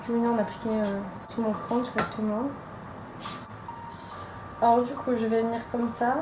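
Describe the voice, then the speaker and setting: A young woman chats her way through a makeup tutorial at home, hesitant and full of little fillers. Her voice sits a touch high and rings around an echoey room, with music playing clearly behind her. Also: flat delivery, moderate pace. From France. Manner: chatty, hesitant, with frequent fillers. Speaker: makeup vlogger. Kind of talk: casual makeup tutorial narration. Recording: roomy echo with music behind.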